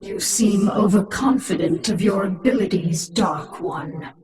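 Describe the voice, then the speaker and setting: A woman's voice: medium pitch, unhurried, darkish tone, echoey room, far from the mic, natural voice. A woman voicing a haughty, menacing alien-infested warrior queen in a video game, imperious and taunting with theatrical delivery. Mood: haughty menace. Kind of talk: dramatic video game voice acting.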